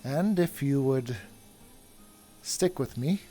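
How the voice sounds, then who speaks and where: A man's voice: mid-range voice, expressive, slow pace, dark tone, soft background music. A man playing a humble wandering traveler who wants freedom, speaking in earnest, formal phrases. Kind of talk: in-character roleplay.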